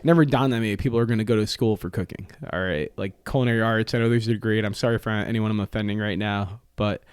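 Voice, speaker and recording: In a podcast studio, a young restaurant owner who first spoke Italian talks casually as a guest, joking and using many fillers. He's a fast talker with a lowish, clean voice and fairly even intonation, and the recording is dry and clean.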